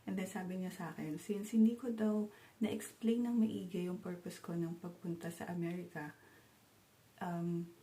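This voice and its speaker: A woman's voice: lowish voice, steady tone, moderate pace, warm tone. A woman from the Philippines, telling her story in a casual vlog, chatty and switching between languages with many fillers. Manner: chatty, mixes Tagalog and English, frequent "and then" fillers. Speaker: travel vlogger.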